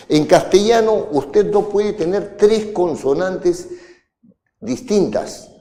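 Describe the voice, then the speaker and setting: A man lecturing a classroom with a lively, rising and falling delivery. His tone is dark and mellow, and a long reverb from the room trails after his words. He keeps stopping to ask his students if they follow. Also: on the high side. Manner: questioning, checks understanding with "¿no es cierto?". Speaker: law school instructor.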